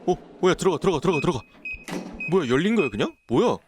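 A man's voice: a little high, very animated, fast talker, slight background noise. A man streaming a horror game, jumpy and talking to himself and the screen, reading the game text aloud. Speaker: gaming streamer. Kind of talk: horror game let's-play commentary.

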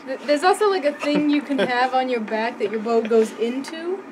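A woman joining a gameplay chat, with a fairly high, lively, swooping voice. She chips in with hesitant, laughing comments over clear background noise. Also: normal speed. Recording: noisy gameplay session audio.

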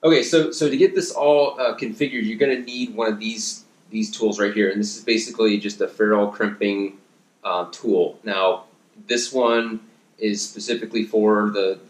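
A fitness coach in his thirties with a lowish voice gives a relaxed how-to demo in his home gym, working with his hands as he talks and using many fillers and restarts. A camera a few feet away captures it in an echoey room.

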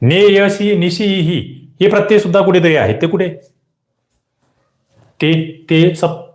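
A man teaching a live online exam-prep grammar class, quizzing viewers, repeating questions and pushing for quick answers. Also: on the high side, reverberant.

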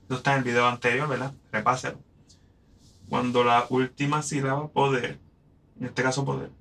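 A man's voice: medium pitch, level tone, brisk, creaky, a bit bright. A man from Puerto Rico with a Puerto Rican accent, teaching a poetry lesson, patiently explaining and counting syllables aloud. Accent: Puerto Rican Spanish.

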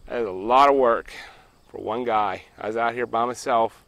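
Outdoors beside a ground-mounted solar array in a rural field, a middle-aged Pennsylvania homesteader gives a casual walkthrough vlog. His medium-pitched voice, at a moderate pace, is a bit bright with vocal fry and no room sound, and he rambles plainly, correcting himself.

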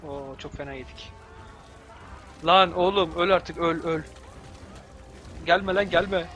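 A young Turkish man doing let's-play commentary, yelling and cursing at the game in exasperation. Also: a little high, measured pace, music in the background. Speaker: gameplay commentator.

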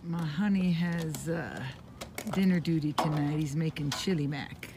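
A woman in her fifties talks slowly and chattily into a phone held at arm's length, giving a casual tour of her camper van and campsite. Her voice sits a little low and she laughs often. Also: darkish tone, slight background noise. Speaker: vlogger. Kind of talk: casual travel vlog. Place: camp van and forest campsite.

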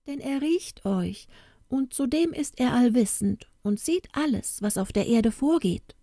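A woman's voice: on the high side, animated, unhurried, mellow, no echo, voice pushed up. Female reader as a bold young woman of a forest house, bossy and urgent, dry close sound. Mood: urgent warning.

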